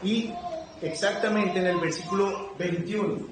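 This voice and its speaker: A man's voice: high voice, steady tone, a little slow. A man from Costa Rica leading a church Bible study, reading scripture aloud and quizzing his group with questions. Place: church meeting room. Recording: echoey room, far from the mic, noisy.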